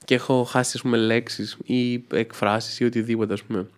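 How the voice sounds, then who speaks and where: A man's voice: medium pitch, level tone, clean tone. A man, a stand-up comedian from Trikala with a Thessaly accent, chatting casually and rambling with many fillers as a podcast guest. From Greece, Trikala. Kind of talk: casual chat.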